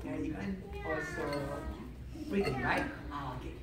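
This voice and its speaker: A man's voice: fairly high pitch, huge pitch swings, moderate pace, creaky. A man leading a martial arts class, calling out commands and counts. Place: large indoor hall. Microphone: far-off camera. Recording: echoey noisy hall from far off.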